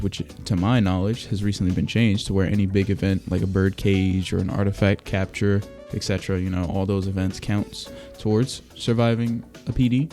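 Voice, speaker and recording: Male game reviewer, mellow low delivery, blunt criticism in casual slang, commentary style. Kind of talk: opinionated video review commentary. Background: music behind the voice.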